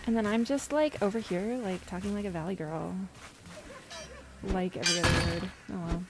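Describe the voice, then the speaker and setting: A woman co-hosting a game stream, chatting in an easygoing, excitable way. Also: fairly low pitch, moderate pace. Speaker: co-host. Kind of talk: casual gaming chat. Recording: loud game noise.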